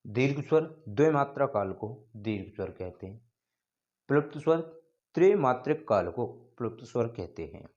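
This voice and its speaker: A man teaching an exam-prep grammar lesson, explaining slowly and repeating points, stretching out called-out names. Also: medium pitch, sing-song, darkish tone, muffled recording. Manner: slow, repetitive explaining, drawing out called-out names.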